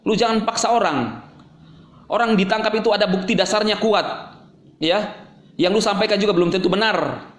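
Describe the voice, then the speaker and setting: A man's voice: high voice, moderate pace, fairly bright tone, echoey room. A man hosting his own channel, delivering a scolding, sarcastic rant straight at a rival. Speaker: YouTube channel host. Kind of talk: angry ranting monologue to camera.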